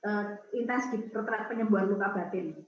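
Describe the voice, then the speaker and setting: A woman's voice: mid-range voice, normal speed, a little hiss or hum. A middle-aged Indonesian woman giving a storytelling talk to a women's prayer group over a video call, acting out the voices of the people she quotes. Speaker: speaker at a prayer community's Zoom talk. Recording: echoey, dull video-call audio.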